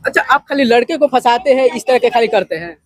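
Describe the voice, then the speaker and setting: A man's voice: very high voice, animated, fast, no echo. A man hosting an informal interview, prompting and repeating answers back. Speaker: interviewer, video channel host.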